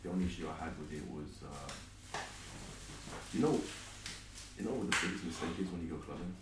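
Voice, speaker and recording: A man hosting a podcast, telling lively anecdotes in casual chat and acting out his friends' lines. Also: extremely low pitch, brisk, recorded from a distance. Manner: animated storyteller, acts out friends' lines. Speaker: podcast host. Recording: echoey room, off-mic, background noise.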